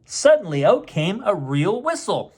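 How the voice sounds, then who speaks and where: His voice sits high and is very animated, a touch slow and slightly rough. The speaker is a middle-aged man hosting a bedtime story show, reading a picture book aloud and tossing chatty, playful asides to young listeners.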